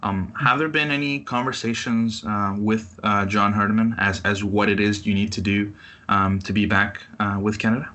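A man co-hosting a podcast with a low but bright, forceful voice. He asks his questions in a measured, careful way. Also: steady tone, lo-fi sound. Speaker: podcast co-host. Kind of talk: interview questions.

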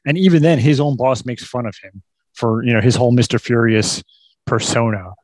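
A man's voice: medium pitch, brisk, a little mellow, dry recording. A man co-hosting a casual movie review podcast, chatting in an easygoing, agreeable way. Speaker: podcast co-host.

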